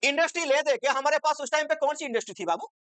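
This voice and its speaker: High-voiced woman teaching a lively lecture. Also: quick pace, no room sound. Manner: conversational, asks students rhetorical questions, mixes English terms into Hindi. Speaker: commerce teacher. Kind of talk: exam-focused lecture.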